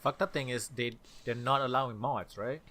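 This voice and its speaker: A man's voice: medium pitch, normal speed, a little hiss or hum. Laid-back man sharing game news. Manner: relaxed, reads out news items loosely. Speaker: podcast co-host. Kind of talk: casual chat.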